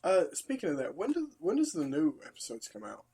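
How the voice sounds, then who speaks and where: Young male podcast co-host; laid-back, halting casual chat. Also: a little high, breathy edge. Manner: relaxed, halting, with frequent restarts.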